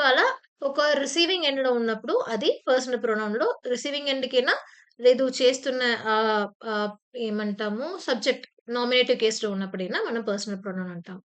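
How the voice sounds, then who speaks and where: A woman teaching an online exam-prep grammar class, her voice sitting a little high. She explains patiently, circles back with repeated examples and little fillers, and now and then punches a word hard for emphasis. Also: brisk, fairly bright tone, smooth. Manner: acts out short example phrases with sudden emphasis. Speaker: English teacher. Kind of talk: exam-prep lecture in Telugu mixed with English terms.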